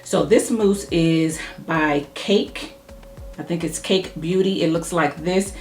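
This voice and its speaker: Woman hair vlogger, low-pitched, talks quickly and thinks out loud; echoey home room with soft music under her. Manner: chatty, talks fast, thinks aloud while styling her hair. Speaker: hair care YouTuber. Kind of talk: casual hair product review.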